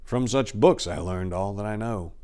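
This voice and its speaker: A man playing a lonely, haunted Gothic narrator, delivering a horror story like a hammy stage actor with grave, emphatic, drawn-out words. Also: fairly low pitch, a little mellow, clear, resonant tone, natural voice. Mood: brooding, yearning. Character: lonely, haunted man recounting his dark Gothic ordeal. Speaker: dramatic reader of a horror story. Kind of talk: theatrical first-person horror narration.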